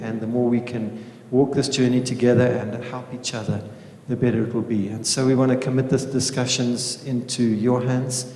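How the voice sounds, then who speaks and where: The speaker is a man of medium pitch and darkish tone who informally welcomes a small indoor audience to a panel evening and leads a prayer as their teacher. The recording carries a reverberant echo from the room.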